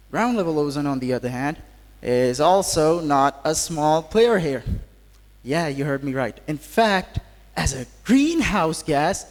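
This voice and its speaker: In a big, echoing hall, a male student delivers a podium speech. His voice sits high for a man and he takes his time, phrasing things with formal, theatrical flourish and a wry rhetorical edge. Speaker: student speaker at a school assembly. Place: large hall at a school assembly. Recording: echoey hall with long reverb.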